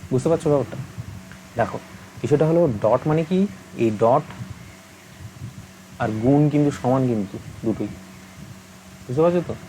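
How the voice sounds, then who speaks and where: A young man gives a recorded maths lesson in a soft, mellow voice. He explains patiently and keeps asking whether the listener has understood. A faint noise runs under the recording. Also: medium pitch, lively intonation, normal speed, pauses often, low-quality recording. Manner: patient, asks many check-in questions. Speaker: maths teacher.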